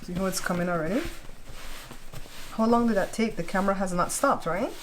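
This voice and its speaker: In a brisk, mid-range voice, a woman hosts a relaxed home baking tutorial at her kitchen counter. She explains each step and checks in with the people watching. Noise is clearly audible throughout this home recording.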